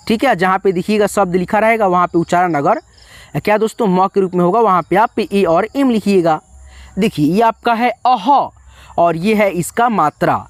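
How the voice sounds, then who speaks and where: A man teaching an online lesson, explaining step by step and slowing down to spell out letters one at a time. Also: high voice, no room sound. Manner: explains step by step, often saying "friends" and "okay".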